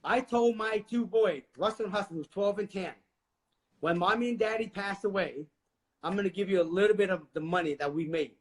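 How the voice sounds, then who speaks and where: A man from Vietnam in his forties talks as an interview guest with a high-pitched voice. He is emphatic and preachy and keeps turning to the listeners directly. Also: a little fast. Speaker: guest, real estate investor. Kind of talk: motivational interview talk.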